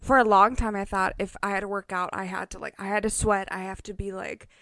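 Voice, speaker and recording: A young woman in her twenties talks in a loose, animated way, piling up fillers as she goes. Her voice sits at an ordinary middle pitch. The sound is close and dry, with no room around it. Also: a little fast, dry recording. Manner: chatty, animated, lots of fillers and laughs. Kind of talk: casual chat.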